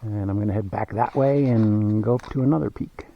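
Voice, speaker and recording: A man's voice: fairly low pitch, fairly quick, slight background noise. A man casually narrating his hiking vlog outdoors, thinking aloud and rambling with lots of fillers. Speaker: hiking vlogger. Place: outdoors on trails and at a campground. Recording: dull lo-fi camera audio.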